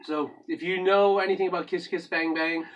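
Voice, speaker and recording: A man's voice: sits high, fairly even intonation, brisk, distant mic, muffled recording. A man co-hosting a casual movie chat, joking and rambling, often trailing off mid-sentence. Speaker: co-host of a movie review show.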